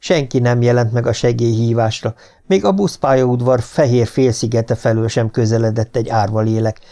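A man's voice: medium pitch, warm tone. A man narrating a horror audiobook with dramatic storytelling. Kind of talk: scripted narration.

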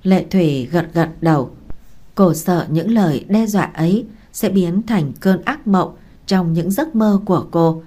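A woman narrating a story in a steady, even reading style. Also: on the low side, measured pace.

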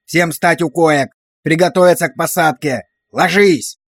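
A man's voice: a little high, measured pace, no room sound, studio quality. A man voicing a harsh, abusive drill sergeant who barks orders and insults at recruits. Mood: barking.

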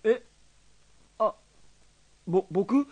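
A timid, stammering student. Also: male voice, high voice, animated, drawn-out words, a little mellow, heavily acted. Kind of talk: film drama acting.

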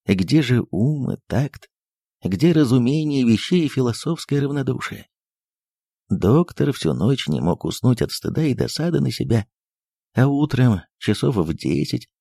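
A man narrating a literary audiobook in a measured, expressive way. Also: mid-range voice, gravelly, no echo, studio quality.

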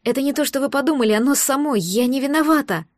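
A woman's voice: a little mellow, dry recording, studio quality, natural voice. Woman reading as a pleading frightened girl. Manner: quick, pleading, higher-pitched. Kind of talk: audiobook reading.

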